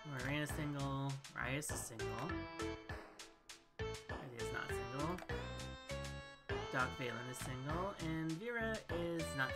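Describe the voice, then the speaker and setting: A woman's voice: rumbling low, slow, long pauses. A woman giving casual, rambling commentary while she plays a video game, chatting and thinking aloud. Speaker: gaming streamer. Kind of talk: casual let's-play commentary. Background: loud game music.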